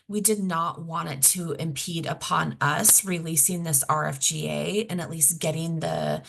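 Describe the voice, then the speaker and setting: A woman presenting a grant webinar over a video call, explaining deadlines and budgets plainly, losing her voice and clearing her throat. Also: lowish voice, background noise. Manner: plain, explanatory, self-correcting. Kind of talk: technical assistance webinar.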